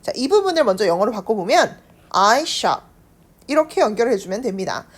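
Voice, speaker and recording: A woman teaching English in a scripted online lesson, with a Korean accent. She explains slowly and carefully and draws out the model sentences. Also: a little high, very animated.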